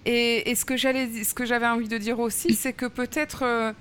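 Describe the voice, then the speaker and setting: Woman doing an interview, kinda high voice, listens close and thinks out loud. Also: level tone, a little fast, a little hiss or hum. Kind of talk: conversational interview.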